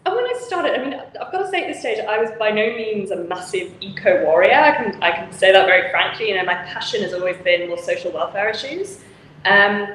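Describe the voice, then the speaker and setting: In an echoey charity office with volunteer lockers and faint noise, a Manchester-born charity founder joins a conversational interview by video call. Her voice is medium-pitched and fairly bright, and she is frank, chatty and quick to laugh.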